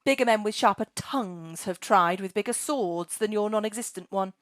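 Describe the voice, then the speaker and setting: A woman voicing a grumpy, centuries-old female dragon who hoards books, scolding in a sharp, high voice. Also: normal speed, no echo, studio quality, lightly acted. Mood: indignant. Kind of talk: storybook reading.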